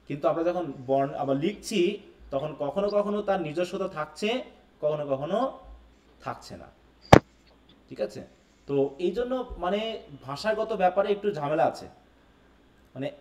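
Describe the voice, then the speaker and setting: A man's voice: fairly high pitch, far from the mic. A man teaching a live class, often checking in with students and using English terms. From Bangladesh. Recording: echoey room, away from the mic.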